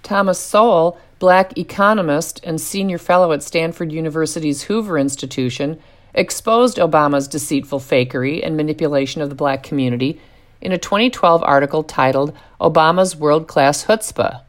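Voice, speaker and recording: A woman's voice: low voice, normal speed. A woman reading scripted political commentary in a sarcastic, mocking manner.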